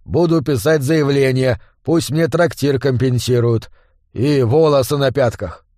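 A man voicing a bitter, sulky male tavern keeper who complains in a lowered, glum voice. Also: a little slow, mellow, dry recording, studio quality, lightly acted.

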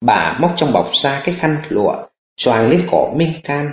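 Expressive male audiobook narrator. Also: mid-range voice, normal speed. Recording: roomy lo-fi audiobook recording.

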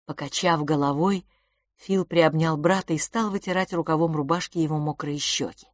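Low-voiced woman narrating a storybook. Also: normal speed, dry recording, studio quality. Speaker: audiobook narrator.

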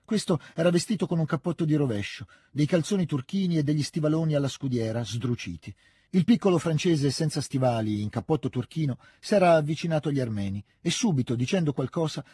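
A man giving a measured, even audiobook reading of a literary novel into a close studio mic. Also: fairly high pitch, breathy edge, no echo. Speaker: audiobook reader. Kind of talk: scripted literary narration.

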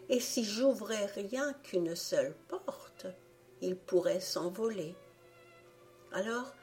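Woman voicing a secretive old box bed, small hushed whisper, slow, mellow, faint music. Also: medium pitch.

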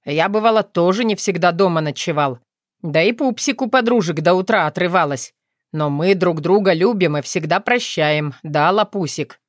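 A woman's voice: fairly low pitch, lively intonation, moderate pace, no echo, clean studio sound, close to an everyday voice. A woman doing an easygoing young man.

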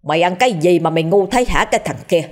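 A woman voicing a scrawny, rude old male village shaman who talks in gruff insults. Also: unhurried, darkish tone. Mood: scornful, angry. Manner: gruff, insulting, low-voiced.

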